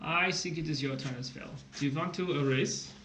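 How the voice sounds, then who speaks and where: A man's voice: a little high, brisk, fairly bright tone, slight background noise. A man hosting a live-streamed tutoring lesson, explaining math problems in a playful, jokey way.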